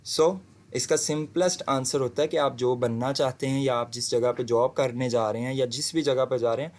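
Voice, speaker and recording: A man giving a recorded lesson, reading example sentences slowly and clearly. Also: medium pitch, fairly even intonation, a little mellow. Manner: slow, deliberate reading of English example sentences. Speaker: English teacher. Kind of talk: video lecture.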